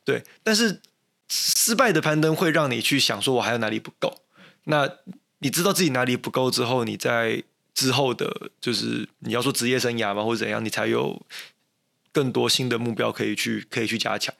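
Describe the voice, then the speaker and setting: Gravelly young Taiwanese man, thoughtful. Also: medium pitch, a little fast, a bit bright. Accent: Taiwanese Mandarin. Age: young adult. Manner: thoughtful, self-deprecating, many restarts and fillers. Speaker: mountaineer guest. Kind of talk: casual interview talk.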